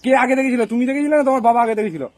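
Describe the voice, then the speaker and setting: A man's voice: very high voice, rapid-fire, darkish tone. A man from Bengal running a prank interview, teasing and repeating the same question over and over.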